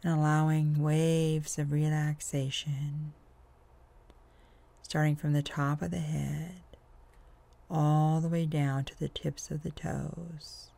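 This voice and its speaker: A man with a gravelly, creaky edge to his voice leads a hypnosis session at a very unhurried pace. His phrasing is soothing and drawn out, and it often sinks into a soft, breathy whisper. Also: on the high side, level tone, dry recording. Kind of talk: guided hypnosis script.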